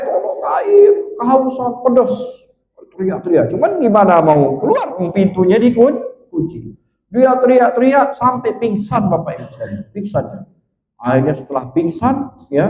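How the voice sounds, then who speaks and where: A man preaching a sermon, telling stories in a lively way and addressing the audience directly. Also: high voice. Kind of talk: sermon with storytelling. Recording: echoey, slightly dull hall recording.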